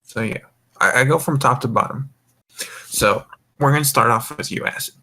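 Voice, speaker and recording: A young host of a casual group voice chat, from America's Mountain Time zone, rambles and swears while tipsy, tripping over his words. He talks at a normal speed in a mid-range voice that sounds pushed and bright.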